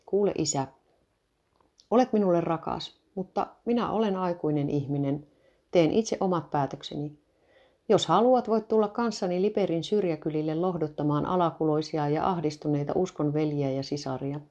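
A woman's voice: deep voice, mellow. Woman reading as an earnest young pastor son. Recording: dull lo-fi recording.

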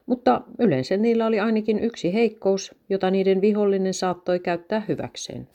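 A woman's voice: mid-range voice, warm tone, dull audio. A woman reading a children's story aloud, raising her voice for the children's lines. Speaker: narrator.

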